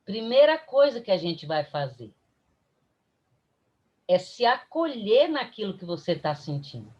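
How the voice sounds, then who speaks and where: A woman's voice: mid-range voice, very animated, a little slow, darkish tone, highs cut off. A woman with a Brazilian accent giving a spiritist lecture online, incisive and direct with her listeners. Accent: Brazilian Portuguese. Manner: emphatic, direct, addresses audience.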